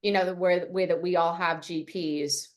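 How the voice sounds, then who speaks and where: A woman's voice: fairly low pitch, fairly even intonation, moderate pace. A middle-aged woman from Canada, telling her story as a guest in a casual interview, full of "like" and "you know". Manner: chatty, lots of "like" and "you know".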